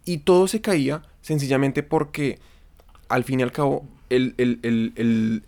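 A man's voice: medium pitch, fairly even intonation, a little slow, vocal fry, dark tone. A man with a Colombian accent telling stories casually in conversation, with slang, swearing and bits of acted-out dialogue. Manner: slangy, profane, acts out quoted dialogue. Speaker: interview guest.

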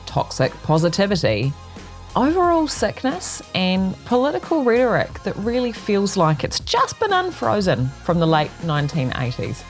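A woman's voice: medium pitch, wildly swooping pitch, normal speed, faint music behind. A middle-aged New Zealand woman hosting a talk show solo, ranting in an emphatic, wry, conversational way. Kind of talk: opinionated solo rant, conversational.

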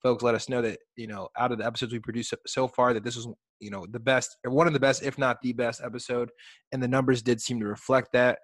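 Young man, Chicago accent, laid-back podcast co-host, dry close mic, average pitch. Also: level tone, fast, no echo. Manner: loose, swears casually, many fillers. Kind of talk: casual chat.

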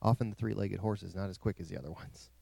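A man's voice: deep voice, steady tone, fast, gravelly, mellow, breathy edge, no echo. A male pastor preaching a sermon in a dry, close recording, with emphatic rising swells.

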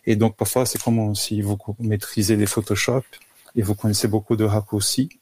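A man from Brazil with a Brazilian accent, speaking French as a guest in a casual interview, halting with many restarts. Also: fairly low pitch, flat delivery, a little mellow, a little hiss or hum. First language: Portuguese. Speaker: guest, amateur photographer.

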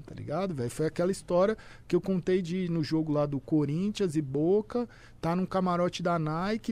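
A man's voice: sits high, a little mellow. A young man, chatting casually as a podcast guest in loose full of fillers. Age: young adult. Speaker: content creator, podcast guest. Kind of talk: casual chat.

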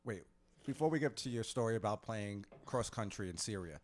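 A male co-host in loose comedic banter. His delivery is wisecracking and his pitch is lively, moving up and down freely. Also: fairly quick, slight background noise.

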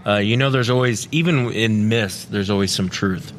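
A man hosting a casual interview, mostly giving short agreeing replies and quick questions. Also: lowish voice, slight background noise. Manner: brief affirming interjections. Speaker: host.

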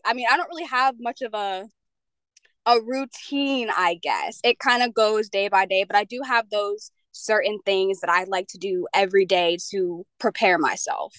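A young woman in her twenties, originally from Jamaica and raised in Pennsylvania, answers interview questions in an easygoing way. She pauses often on "um" as she talks. The sound is dry and close, with no room around it. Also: mid-range voice, dry recording. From Jamaica, grew up in Pennsylvania. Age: 20s. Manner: relaxed, many "um" fillers, easygoing. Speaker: model, interview guest.

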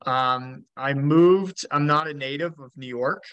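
A man's voice: mid-range voice, measured pace, a bit bright, smooth, dry recording, muffled recording. A man from Georgia talking as a podcast guest, chatty, with many fillers and restarts. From Georgia, US South. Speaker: podcast guest, rental investor. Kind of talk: casual interview talk.

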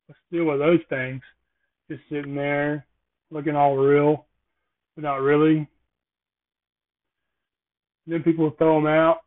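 A man hosting a casual solo podcast, rambling through jokey observational musings. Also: fairly high pitch. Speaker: podcast host. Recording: tinny phone-like sound.

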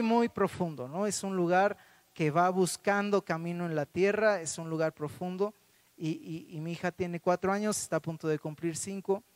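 A man, preaching as a pastor and telling a story, with many halting repeats. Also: high voice, dry recording. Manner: halting, repeats words often. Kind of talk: sermon with personal story.

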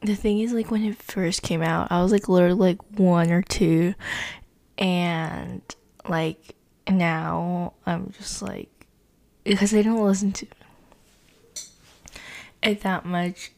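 A teenage girl chats casually on her own podcast, rambling along in a slow, unhurried way. Her voice has a gravelly, fried edge and often drops to a soft half-whisper. She stops often and fills the gaps with small fillers. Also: lowish voice, steady tone. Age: teens. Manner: rambling, halting, heavy on fillers. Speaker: podcast host. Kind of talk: casual chat.

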